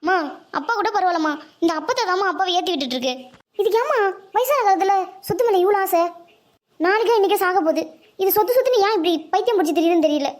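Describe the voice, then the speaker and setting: A woman's voice: very high voice, lively intonation, fast. A woman voicing an upset, tearful teenage daughter in a cartoon, pleading and earnest. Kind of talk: Tamil cartoon voice acting.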